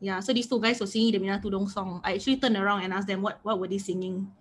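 A woman's voice: medium pitch, fairly even intonation, rapid-fire. A woman with a Singaporean accent chatting casually with Singlish particles, earnest and reflective.

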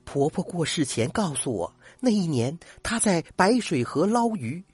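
An older man voicing a gentle, grateful young woman in disguise, with soft, earnest speech, in a told folk tale. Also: sits low, sing-song, moderate pace, breathy edge, dry recording, exaggerated voice. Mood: sorrowful.

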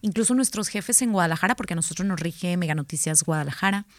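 A woman, a TV news anchor, talking as a guest in a casual interview, lively and quick to laugh. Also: fairly low pitch, dry recording. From Mexico. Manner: lively, laughs often, animated asides.

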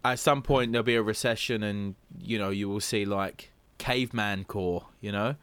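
A man's voice: fairly low pitch, normal speed, a bit bright, clean tone, no echo. A man co-hosting a podcast, chatting casually with wry, rambling musings full of hesitations. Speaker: podcast co-host. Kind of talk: casual chat.

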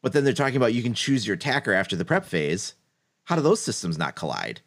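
A man with a fairly low voice and wide pitch swings speaks fast as co-host of a casual gaming podcast. He thinks out loud, hedging his points and laughing often.

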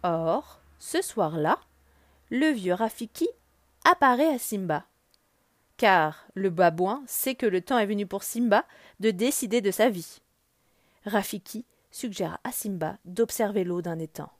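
A woman narrating a children's storybook in an expressive, animated read-aloud. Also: medium pitch, unhurried, dry recording, clean studio sound.

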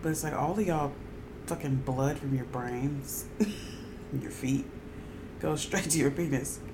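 A woman's voice: extremely low pitch, a little slow, background noise. A woman co-hosting a casual podcast chat, making sarcastic quips and acting out quotes. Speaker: podcast co-host.

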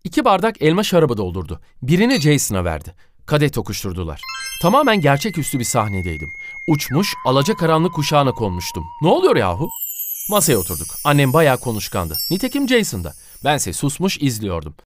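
A man narrating a scripted animated story in an expressive, dramatic manner. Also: mid-range voice, fairly quick, slight background noise.

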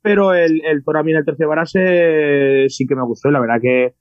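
This podcast co-host is a man with a fairly high-pitched voice who talks briskly and excitedly, rambling through casual chat with many restarts. The sound is dull, lo-fi and dry, with no echo.

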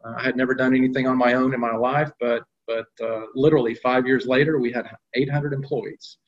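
A man's voice: medium pitch, little pitch movement, a little fast, lo-fi sound, a little hiss or hum. A middle-aged man answering interview questions as a guest, talking conversationally with frequent fillers and restarts. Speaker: guest, company executive.

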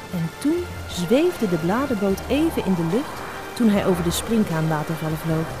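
A woman narrating a children's fable with a lively, expressive reading. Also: fairly low pitch. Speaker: storyteller.

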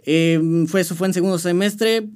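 A young man with a Mexican accent, a musician being interviewed, talks in a high, smooth, darkish voice at a moderate pace. His storytelling is casual, full of slang and frequent restarts.

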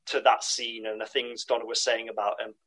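A man's voice: on the low side, flat delivery, fairly quick, a bit bright, low-quality recording. Man musing in casual chat. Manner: thoughtful, lots of "like" and "um". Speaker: podcast co-host.

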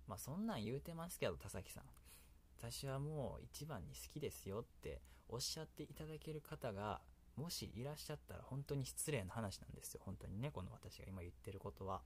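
A Kansai-accented man with a mid-range voice hosts his own casual radio talk, drifting along and often laughing at himself; he is a solo host and creator. Slight background noise sits under the recording.

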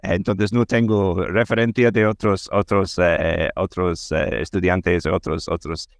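A man with a low voice and a Scottish accent speaks Spanish as a second language, with English as his native tongue. He talks conversationally as an interview guest, often pausing and restarting to find the word. The sound is dry and close. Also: fairly even intonation, creaky, no room sound. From Scotland. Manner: halting, searching for words and repeating them.

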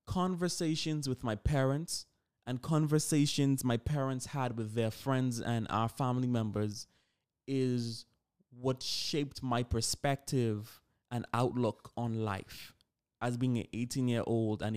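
An 18-year-old man hosts a solo podcast, talking informally and conversationally while often correcting himself. His voice is medium in pitch and steady in tone, slightly mellow and clean. He takes his time, speaking slowly.

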